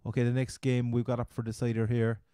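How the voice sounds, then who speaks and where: Cork irish guy chatting sports, kinda rambly, repeats himself, soft dark tone. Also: medium pitch, monotone, quick pace, clean tone, no room sound, clean studio sound. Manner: rambling, repeats his words. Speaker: podcast host. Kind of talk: casual chat, fantasy football commentary.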